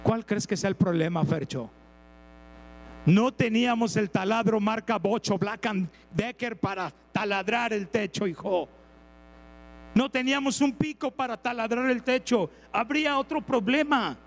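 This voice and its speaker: High-voiced Mexican preacher. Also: male voice, measured pace, big-room sound, low-quality recording. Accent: Mexican Spanish. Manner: storytelling, acts out characters, asks the congregation questions. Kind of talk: sermon.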